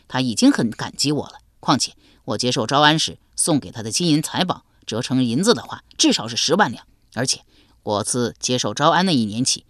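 Woman playing a blustering middle-aged man, confident, low voice, dry sound. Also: dry recording, full character voice. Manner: assured, blustering.

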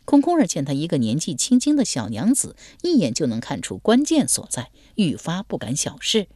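A woman narrating a historical novel as an audiobook, in an expressive storytelling cadence. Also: sits low, normal speed, slightly rough, no room sound, clean studio sound.

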